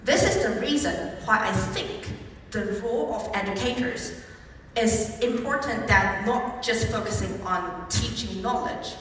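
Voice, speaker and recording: A young woman from Taiwan with a Taiwanese accent, giving an animated competition speech in English with emphatic rhetorical rises. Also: medium pitch, a little slow, a little hiss or hum. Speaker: speech contestant. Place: large conference hall. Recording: echoey hall from far off, faint ambience.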